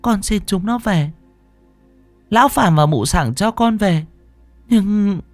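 A man's voice: sits high, expressive, slow pace, dry recording, soft background music, pitched above the performer's own voice, full character voice. A man voicing a frightened young boy who has run home crying to his mother. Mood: sobbing.

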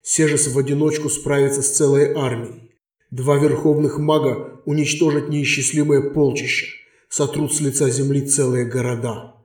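Frightened emperor, low grave inward thoughts, man reading. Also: flat delivery, normal speed, a little mellow, reverberant, far from the mic, natural voice. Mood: grave fear.

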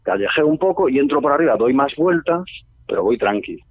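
A man's voice: medium pitch, expressive, a little fast, breathy edge, no room sound. A man with a Spanish accent from Spain telling a casual, slangy anecdote on a radio show, acting out his own past remarks. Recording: tinny phone-like sound, dry.

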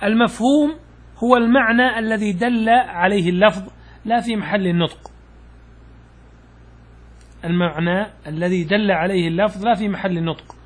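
A man, an Islamic scholar, teaching jurisprudence in a patient, explanatory lecture, pausing with fillers and asking questions he answers himself. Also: high voice. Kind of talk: classroom lecture explaining a text.

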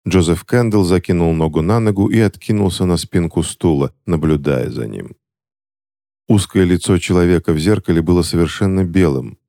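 Deep, mellow male audiobook narrator, dry close sound, measured reading. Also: creaky, no room sound.

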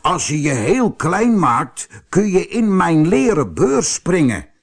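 A man's voice: high voice, takes it slowly, gravelly, breathy edge, pitched above the performer's own voice, exaggerated voice. Een man als slimme rustige schoenmaker. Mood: sly. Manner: calm, sly and friendly. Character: cunning easygoing male shoemaker.

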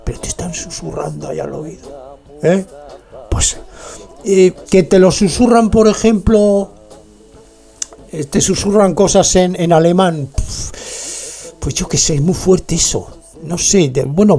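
A man from Spain hosting a radio show, talking in a chatty, digressive monologue full of animated asides. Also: on the high side, creaky. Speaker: radio host playing music. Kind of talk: rambling casual monologue.

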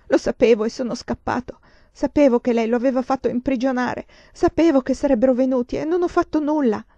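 Woman reading a shaken, feverish young husband in a storybook, halting and anguished, mellow low-fi tone. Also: no echo, muffled recording.

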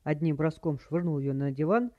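A narrator reading a story aloud in steady audiobook style. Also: medium pitch, normal speed, no echo, highs cut off.

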